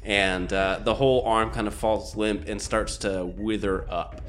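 A man running a tabletop game as game master, narrating in a casual, halting way full of ums and gross-out detail. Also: lowish voice, fairly even intonation, a bit bright, slight background noise.

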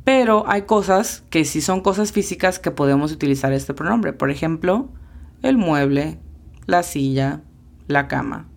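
A woman with a low voice teaches a language lesson. She talks at an unhurried pace and spells each sound out carefully, letter by letter. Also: expressive, vocal fry. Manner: slow, careful spelling-out of pronunciations. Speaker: English teacher.

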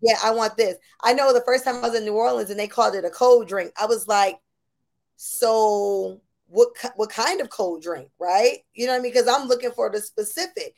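A woman's voice: fairly high pitch, fast, hardly any pauses, darkish tone. Chatty woman podcast host from Buffalo. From Buffalo, New York. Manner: chatty, affirming, full of you-know fillers. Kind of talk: casual conversation.

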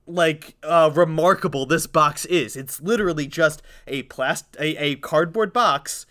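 Male podcast co-host, slightly high voice, dry mock exasperation, casual banter, recovering from being sick with a lingering cough. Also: measured pace, pushed and bright. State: getting over an illness with a lingering cough. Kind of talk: casual comedic podcast chat.

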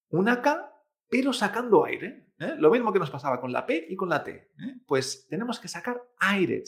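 A Chinese teacher with a slightly high, somewhat bright voice gives a pronunciation lesson. He stretches out model syllables, speaks straight to the listener, and checks in with "¿eh?" to prompt repetition.

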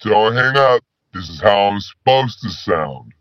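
A man playing a rambling, slang-talking male spy who calls in with his voice pitched down. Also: expressive, measured pace, no room sound. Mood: laid-back. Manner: stoner slang, rambling, laid-back. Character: slacker male spy caller with disguised voice. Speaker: caller. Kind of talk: comedy call-in sketch. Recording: dull lo-fi phone call.

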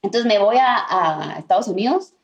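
A young Guatemalan woman, a singer-songwriter, telling stories in a casual interview, lively and sprinkling in English words. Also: on the high side, fairly quick, highs cut off. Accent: Guatemalan Spanish. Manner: animated, mixes in English words. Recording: roomy echo.

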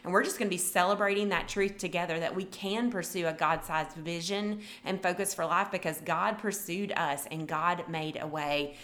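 A woman's voice: lowish voice, normal speed, hardly any pauses, fairly bright tone. A woman hosting a devotional podcast, speaking in an encouraging, earnest way as she introduces an episode. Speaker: podcast host. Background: faint music.

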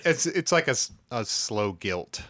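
Joking bright-voiced male co-host. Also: medium pitch, sing-song, a little slow. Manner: joking, laughs often. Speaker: podcast co-host. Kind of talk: casual chat.

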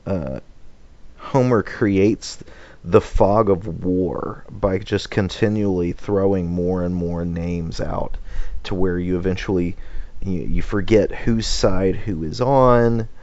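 A man in a casual book discussion, talking in a relaxed, hesitant way with many fillers and restarts. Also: low-pitched, slow, dry recording, muffled recording. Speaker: podcast co-host discussing the Iliad.

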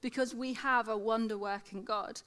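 A woman's voice: a little high, fairly even intonation, moderate pace, a bit bright, smooth. A woman in her thirties with a lateral lisp that turns s sounds slushy, giving a devotional talk. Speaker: secondary school teacher giving a devotional talk. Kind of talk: sermon, devotional talk with scripture reading.

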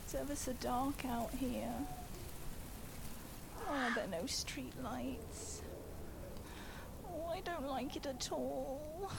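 A young woman playing a playful, easily frightened camper scared of the dark in a comedy audio drama. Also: high voice, big pitch swings, unhurried, heavy background noise, exaggerated voice.

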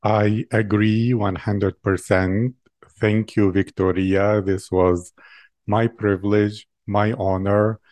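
A man interviewing a guest in a formal, sincere way, with deliberate phrasing. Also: fairly low pitch, little pitch movement, darkish tone, dry recording.

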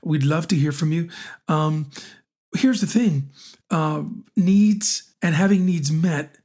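A man in his forties co-hosting a relationship podcast, talking in an animated, teasing way and often repeating his words as he starts a thought. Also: on the high side, takes it slowly. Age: 40s. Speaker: podcast co-host. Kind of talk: casual chat.

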